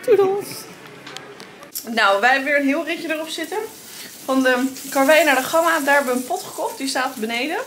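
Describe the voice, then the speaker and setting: A young woman with a Dutch accent, chatting casually to a handheld camera at arm's length in her apartment, thinking aloud in a relaxed way. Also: high voice, fairly quick, noisy background. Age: young adult. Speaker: vlogger. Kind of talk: casual vlog chat. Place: apartment living room, indoors.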